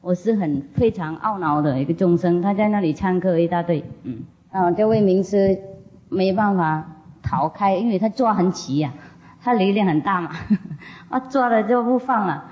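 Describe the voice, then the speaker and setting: A woman's voice: mid-range voice, normal speed. A woman spiritual teacher telling a story to an audience in a folksy, chatty way, often laughing. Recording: dull lo-fi recording.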